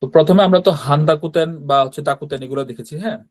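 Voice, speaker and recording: Teacher, male, Bangladeshi Bengali accent, patient explainer, slightly high voice, dry close recording. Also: rapid-fire, a little mellow, dry recording. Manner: explains patiently, often checks in with "right?". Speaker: Japanese language teacher. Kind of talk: online class with screen sharing.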